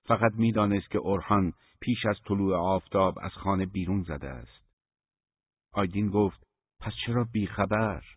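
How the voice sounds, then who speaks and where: A male audiobook narrator reads a novel in a measured, even way. His voice is low and husky. The recording is dry and thin like a phone line. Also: no room sound. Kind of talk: scripted narration.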